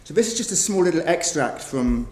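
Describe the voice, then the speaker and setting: A man with a darkish, sing-song voice on the high side speaks fairly quickly during a research presentation at a conference. He patiently works through examples, frequently softening points with "sort of." Recorded in an echoey conference room, the mic is distant and faint noise is present.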